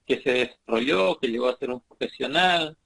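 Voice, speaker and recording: A man's voice: medium pitch, moderate pace, gravelly, fairly bright tone, husky. A man teaching his congregation in an earnest sermon, repeating phrases and rising into emphatic bursts. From Bolivia.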